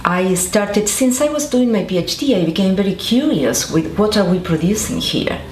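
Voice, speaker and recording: An Argentine woman scientist answers interview questions thoughtfully, often restarting and using fillers. Her medium-pitched voice is expressive and a little mellow, at a moderate pace. The room is echoey, with faint noise.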